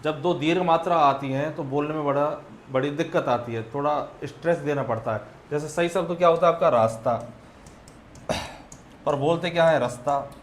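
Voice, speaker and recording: A male teacher explaining an exam solution, putting questions to the class and answering them himself, clearing his throat now and then. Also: a little high, fairly quick, few pauses, echoey room, slight background noise.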